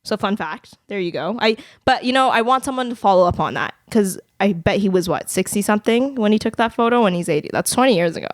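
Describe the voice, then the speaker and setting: A woman's voice: medium pitch, lively intonation, fast, hardly any pauses, no echo, clean studio sound. Chatty young woman hosting a podcast. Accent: New Jersey. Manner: chatty, laughs often, giggly asides. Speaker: podcast host. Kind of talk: casual chat. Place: bedroom.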